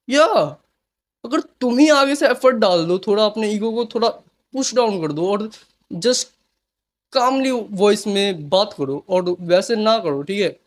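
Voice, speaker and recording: A young man talking casually to camera, giving motivational advice in a chatty way and often checking in with the listener. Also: high-pitched. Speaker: self-help vlogger.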